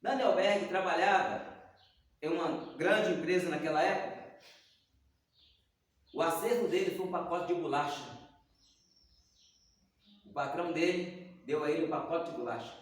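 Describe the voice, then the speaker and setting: This male Sunday school teacher has a voice on the high side and talks at a normal speed, pausing often as he animatedly narrates Bible stories and performs the dialogue. Sound comes from a distant microphone in an echoing hall.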